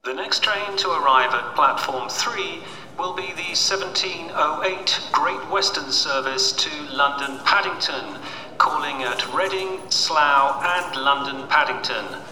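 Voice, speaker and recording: A station announcer reading a formal, deliberate scripted public-address message about train services. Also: mid-range voice, music in the background. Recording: distant echoey hall with faint noise.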